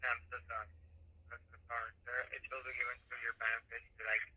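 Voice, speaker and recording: A man working as a telemarketing agent, speaking courteously and haltingly over a telephone line. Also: completely flat delivery, bright, forceful tone, husky. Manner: halting, courteous, says sir often. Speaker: insurance call agent. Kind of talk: telemarketing call. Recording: muffled low-fidelity telephone line.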